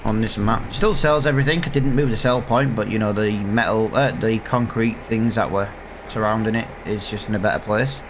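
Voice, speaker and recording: A sniffly, congested gaming channel host with a lowish voice talks briskly through a farming game, offering casual, filler-heavy let's-play commentary against a noisy background.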